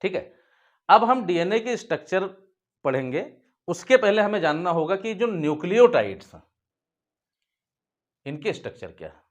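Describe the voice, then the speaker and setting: Man teaching biology, trailing off softly. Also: high-pitched, big pitch swings, normal speed, long pauses. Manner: repeats key points as questions and answers them; addresses students fondly as "beta". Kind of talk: whiteboard lecture for school students.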